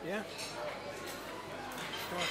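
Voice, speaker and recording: A woman filming her small child and gently coaxing him to smile for photos in a busy restaurant. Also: drawn-out words, very noisy. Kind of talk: casual family video narration. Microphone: handheld camera. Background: crowded restaurant chatter.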